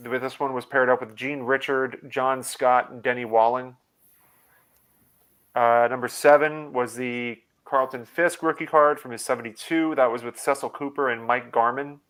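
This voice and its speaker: Smooth-voiced man hosting a trivia quiz. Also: medium pitch, fairly even intonation, measured pace, fairly bright tone. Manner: hesitant, many fillers and restarts. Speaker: trivia host. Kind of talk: live online quiz hosting.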